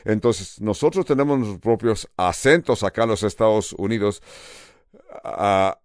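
An older man with a Californian accent preaching a sermon as a pastor, earnest and steady, with pauses and repeated phrases. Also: medium pitch, clear, resonant tone, no room sound, clean studio sound. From United States.

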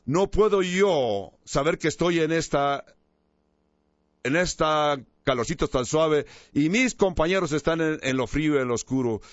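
A timid woman who has just left a cold cave speaks with wonder and pleads softly, as a male preacher puts her on. His voice stays fairly high for a man. The recording is dull, lo-fi and dry. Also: a little slow, no echo, close to an everyday voice. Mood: pleading. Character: timid woman from a dark cave, newly warmed.

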